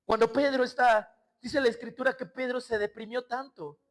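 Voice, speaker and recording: A male pastor preaching a sermon, swinging between loud exclamations and quiet asides and acting out the scenes he tells. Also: very high voice, fairly even intonation, moderate pace. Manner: acts out quoted voices and scenes.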